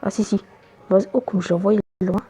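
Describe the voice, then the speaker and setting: A gamer doing casual let's play commentary, reacting out loud and exclaiming in frustration at the game. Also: medium pitch, fast, breathy edge. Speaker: gamer commentating own gameplay for viewers.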